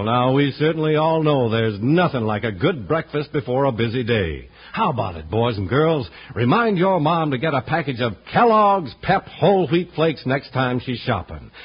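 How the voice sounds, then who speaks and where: Lively folksy announcer, man, husky voice, dull radio. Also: medium pitch, moderate pace, few pauses. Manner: chummy, folksy. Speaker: announcer and narrator. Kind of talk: 1950s kids' radio announcing and narration. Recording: dull old radio recording.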